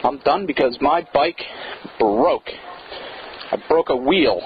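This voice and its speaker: A man's voice: medium pitch, animated, slow. Man's report played back through a speaker. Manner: blunt, frustrated, wry, swears casually. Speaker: mountain bike racer phoning in a report. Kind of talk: casual spoken field report. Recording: dull lo-fi sound with faint hiss.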